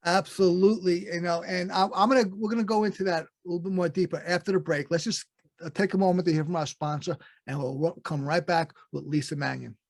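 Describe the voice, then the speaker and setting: A man's voice: high-pitched, fairly even intonation, fast talker, gravelly, dry recording. A man hosting a podcast, talking candidly in a casual interview over a video call. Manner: candid, laughs while telling stories. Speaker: podcast host.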